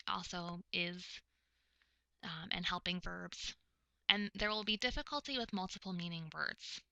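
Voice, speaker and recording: A woman giving a recorded lecture, explaining topics step by step in a measured way with frequent pauses. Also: medium pitch, sharp tone, no echo, muffled recording. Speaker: presenter explaining speech of the hard of hearing.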